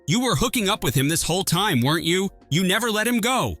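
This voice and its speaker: A man doing a furious, shouting groom. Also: high-pitched, sing-song, quick pace, soft background music, pitched above the performer's own voice, exaggerated voice. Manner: angry, barking.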